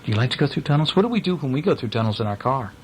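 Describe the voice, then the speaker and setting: A father reads a picture book aloud at home, gentle and patient, stopping to ask the child about the pictures. His voice sits in an ordinary middle pitch. A faint hiss runs under the recording. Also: very animated, very fast, low-quality recording. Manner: gentle, asks the child questions between reading. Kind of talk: bedtime story reading.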